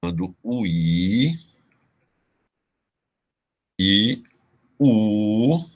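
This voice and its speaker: A man from Ceará teaching a Brazilian exam-prep class, explaining grammar rules slowly and checking in with his students again and again. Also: lowish voice, big pitch swings. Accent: Brazilian Portuguese, Ceará. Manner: drawn-out explanations with frequent "tá certo?" check-ins. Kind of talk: online exam-prep lesson.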